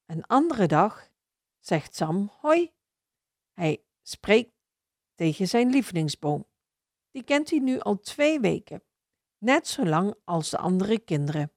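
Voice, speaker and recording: A woman reading a children's story aloud in a slow, expressive storybook manner. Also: medium pitch, no room sound, studio quality.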